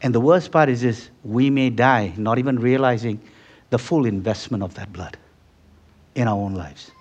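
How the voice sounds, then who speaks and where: The recording is lo-fi, and the pastor's voice is medium-pitched and a little mellow, moving at a moderate pace. He delivers his sermon in a conversational way, dramatizing small scenes, building to passionate peaks, and often starting over and repeating words.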